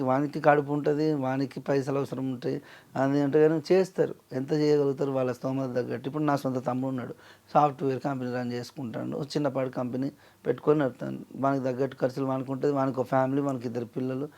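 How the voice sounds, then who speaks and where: A man's voice: medium pitch, creaky, a little mellow. A man, a singer and lyricist talking earnestly in an emotional interview. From Telangana, India. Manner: earnest, pleading, acts out quoted dialogue.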